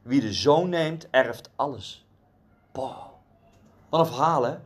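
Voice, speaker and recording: A man's voice: mid-range voice, slow, slightly rough. A man giving a conversational devotional sermon, telling a story earnestly with casual asides.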